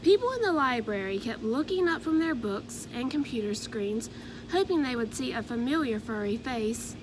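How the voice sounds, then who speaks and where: A woman narrating a children's storybook aloud in an expressive, deliberate way. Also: fairly high pitch, noisy background.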